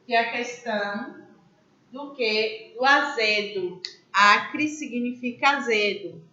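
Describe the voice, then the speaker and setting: A woman's voice: fairly high pitch, slow, bright, forceful tone, reverberant, dull audio. A woman teaching a grammar class, explaining step by step and asking her students questions. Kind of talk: online class lecture.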